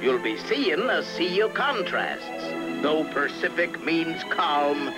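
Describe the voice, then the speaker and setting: Gruff old fisherman cartoon duck, salty dialect, slow and swooping, music behind. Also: fairly high pitch, very animated. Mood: hearty, welcoming. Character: gruff old salty duck sea captain, jovial and grandiose. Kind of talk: theatrical cartoon narration. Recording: music behind, 1960s television soundtrack.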